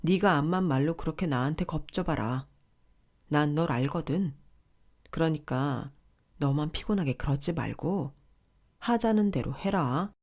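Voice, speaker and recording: A woman's voice: low voice, lively intonation, a little slow, a little mellow, exaggerated voice. A woman voicing an arrogant, controlling young husband who talks down to his wife in a sneering, dismissive way.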